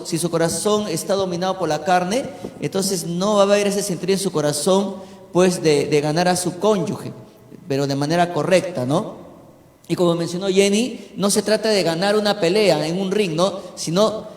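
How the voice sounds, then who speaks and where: A man preaching as a pastor, teaching a congregation and often checking in with "¿no?". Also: high voice. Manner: preaching with frequent "¿no?" check-ins. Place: church hall. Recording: echoey church hall with long reverb.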